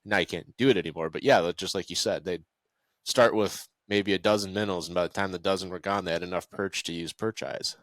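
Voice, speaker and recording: A man hosting a podcast, asking questions in a relaxed, conversational way. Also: sits low, brisk, dry recording. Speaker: podcast host. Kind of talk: casual interview chat.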